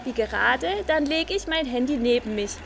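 A woman's voice: high voice, moderate pace, gravelly, a bit bright, a little hiss or hum. A woman voicing a cheerful little girl in a children's audio play, chatting directly to the kids. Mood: chatty. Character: cheerful little girl, policeman's proud daughter.

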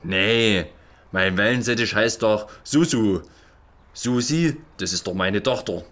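A low-voiced, absent-minded inspector, fussy and flustered. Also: male voice, takes it slowly, fairly bright tone. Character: bumbling forgetful police inspector father. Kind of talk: children's audio play.

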